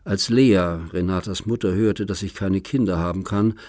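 A man's voice: sits low, steady tone, normal speed, a little mellow, no echo, studio quality, lightly acted. A man reading an audiobook, voicing a bitter young woman in a hospital bed who accuses and mocks in a biting, sarcastic way. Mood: hurt. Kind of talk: audiobook character voice.

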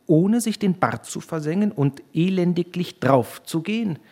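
Boisterous tipsy official, loud and blustering, read by a man, husky tone. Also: high voice, lively intonation, normal speed, voice pushed up.

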